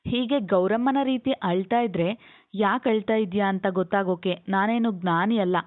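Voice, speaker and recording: A woman's voice: medium pitch, normal speed, lightly acted. A woman voicing a young male doctor, usually cheerful but now stern, who scolds with pressing questions. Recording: tinny phone-like sound.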